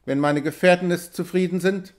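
A man's voice: sits high, fairly even intonation, a little fast, close to an everyday voice. A man voicing a jovial, stout frontier hunter who asks probing questions.

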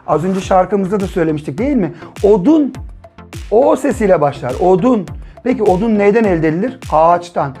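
Brief male primary teacher, patient question-and-answer lesson for small kids, soft music behind. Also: sits high, expressive, fast talker, hardly any pauses. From Turkey. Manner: patient, asks and answers his own questions. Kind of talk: children's literacy lesson.

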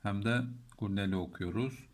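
A man with a Turkish accent teaching Quran recitation rules in a patient lesson. He chants verses slowly and breaks words apart to explain them. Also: lowish voice.

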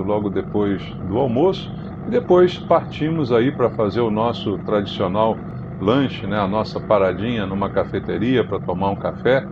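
A man with a Brazilian Portuguese accent, casually narrating his motorcycle ride and lunch stop, with a relaxed, chatty manner and a frequent "né". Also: on the low side, highs cut off, background noise. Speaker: motorcycle travel vlogger.

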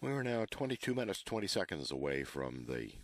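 An extremely deep-voiced man gives formal launch commentary. He speaks in a measured announcer manner, recorded close and dry. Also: very animated, no room sound.

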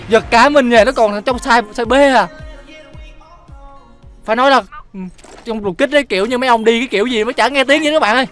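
A man's voice: high-pitched, fairly bright tone. A man giving joking, teasing gameplay commentary while he plays, swearing casually and laughing often. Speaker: gaming channel host.

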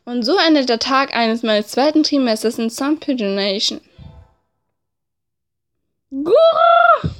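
A woman with a high voice narrates a visual novel game. She reads the text expressively and drops in informal, casual asides. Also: moderate pace, few pauses, faint music behind. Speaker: let's play narrator.

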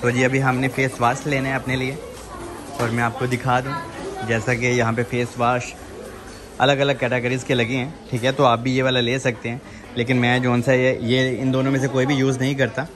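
In this casual walk-through vlog, a man with a medium-pitched, flat voice talks at a moderate pace over crowd noise. Holding his phone camera, he chats with viewers inside a big supermarket in a shopping mall, calling them "janab" and frequently saying "theek hai" amid the noisy store.

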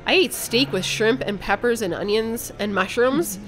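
A woman's voice: on the high side, moderate pace, a bit bright, faint music behind. A woman guest on a podcast, telling a personal story in a candid, blunt way and swearing casually. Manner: candid, blunt, speaks her mind.

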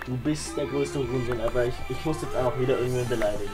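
A young man chatting casually while gaming, trash-talking in a crude, provocative way and often breaking into shouts. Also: medium pitch, very fast. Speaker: gamer, video uploader. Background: music.

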